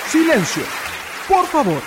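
A grandiose festival master of ceremonies, played by a man, announces in a high, swooping voice. His pompous, drawn-out delivery suits an audio drama, with a noisy crowd behind him. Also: wildly swooping pitch, full character voice. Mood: pompous, festive.

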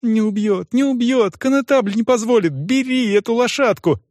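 A man voicing a frantic young peasant girl who begs and pleads, shrill and urgent. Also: moderate pace, darkish tone, dry recording, clean studio sound. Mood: begging. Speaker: audiobook narrator.

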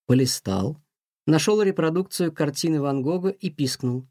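A man calmly narrating a magical children's story. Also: a little high, dry recording, studio quality. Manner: calm, measured storytelling. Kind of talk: scripted narration of a children's tale.

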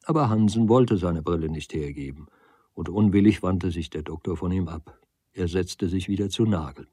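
A man reading a literary novel aloud as an audiobook, in a calm, measured storytelling manner. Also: deep voice, slightly rough, dry recording, clean studio sound. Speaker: audiobook reader.

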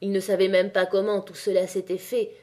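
Woman reading a novel in a mellow voice. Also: mid-range voice. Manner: measured, expressive. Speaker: audiobook reader. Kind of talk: literary audiobook narration.

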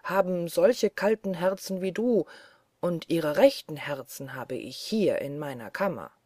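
A woman's voice: fairly low pitch, expressive, measured pace, mellow, no room sound, clean studio sound. A woman reading the lines of a huge, greedy and sly male forest giant who mocks and boasts. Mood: boastful. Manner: mocking, boastful.

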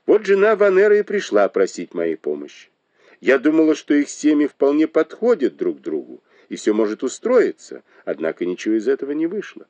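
A shrewd noblewoman with a sharp, mocking tongue, as a male reader puts her on. The voice sits higher than his own and swings widely in pitch. The recording is close and dry, with no room sound. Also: wildly swooping pitch, brisk, dry recording, highs cut off. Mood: explaining. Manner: mocking, reproachful.

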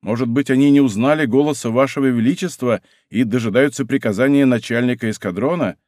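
Composed noble swordsman, quiet and steady, read by a man. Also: mid-range voice, quick pace, dry recording, clean studio sound, close to an everyday voice.

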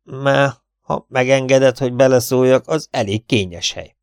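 A man voicing a brisk, kind-hearted country vet with a gruff, hurried manner of talking. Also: mid-range voice, no room sound, studio quality, voice pushed up, lightly acted. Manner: gruff and hurried, often dropping to a furtive whisper.

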